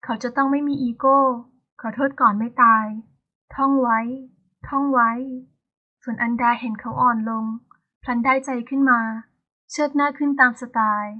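A woman's voice: sits high, moderate pace. A woman narrating a romance audiobook in a storytelling style, voicing the characters' lines as they come. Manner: lively, voices characters' lines in dialogue. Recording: phone-like narrow band.

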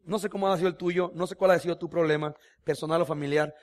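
A man's voice: fairly high pitch, fairly even intonation, quick pace. A man with a Mexican Spanish accent preaching a sermon, impassioned and conversational, full of rhetorical questions. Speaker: pastor.

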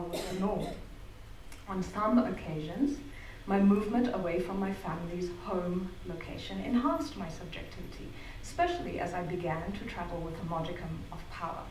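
Delivering a prepared public talk in a theatre hall, a middle-aged Zambian woman speaks in a measured, articulate way, slipping in the occasional wry aside. Her ordinary-pitched, slightly mellow voice is picked up from the back of the hall, so it sounds distant and echoes through the big space over a faint hum of room noise.

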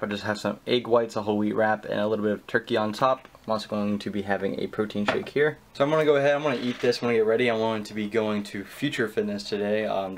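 A man's voice: lowish voice, background noise. A young man chatting casually to the camera in a rambling vlog about his workout day, later at the gym and out of breath. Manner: chatty, loose and rambling with fillers. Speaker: fitness vlogger. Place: at home, then at a gym.

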